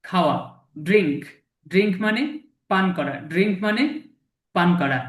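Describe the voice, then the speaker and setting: A man teaching English vocabulary to a class, slowly repeating each word and its meaning. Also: sits high, roomy sound, poor audio. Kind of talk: classroom lesson with repetition drills.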